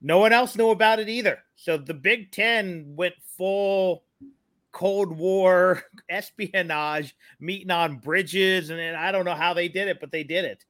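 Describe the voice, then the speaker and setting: A man with a bright, forceful voice pitched a little high, recorded dry and close. He gives measured, opinionated sports analysis in a conversational podcast style, explaining as he goes. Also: no echo.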